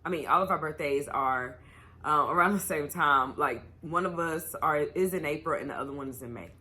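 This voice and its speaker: Low-pitched, bright-voiced tipsy, giggly woman. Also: moderate pace. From North Carolina, United States. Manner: tipsy, giggly, loose and rambling. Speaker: YouTuber host. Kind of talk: casual chatty Q&A vlog.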